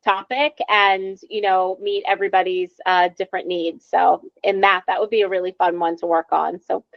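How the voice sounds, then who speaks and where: A woman co-hosts an education podcast, asking her guest questions in a conversational interview and encouraging and affirming them. Her voice is low, creaky and flat at a normal pace, recorded dry and lo-fi with a dull sound and no room echo.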